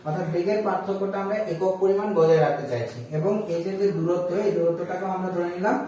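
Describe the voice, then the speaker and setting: A man's voice: high-pitched, steady tone, fast talker, warm tone. A man teaching physics to students, explaining step by step and asking rhetorical questions before answering them. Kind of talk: board lesson explanation. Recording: echoey room heard from a distance with faint noise.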